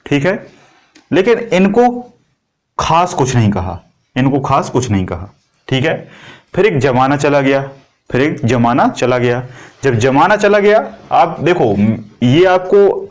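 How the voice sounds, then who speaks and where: A middle-aged man, teaching a classroom lecture and explaining with everyday analogies and rhetorical questions to the class. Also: a little high.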